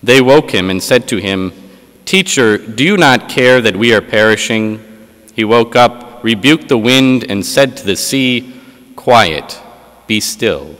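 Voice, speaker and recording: A man's voice: mid-range voice, animated, measured pace, fairly bright tone. A man, a priest, reads the gospel and then preaches a homily with frequent filler sounds, his voice ringing in a large church. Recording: long church reverb.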